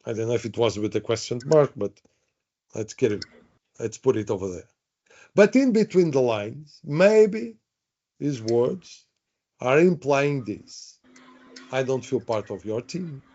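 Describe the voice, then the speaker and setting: A man's voice: medium pitch, animated, unhurried, pauses often, a little mellow. A man teaching a live online workshop, chatty, repeating himself and asking the audience questions. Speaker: webinar trainer. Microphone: video call. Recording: dull lo-fi online call audio.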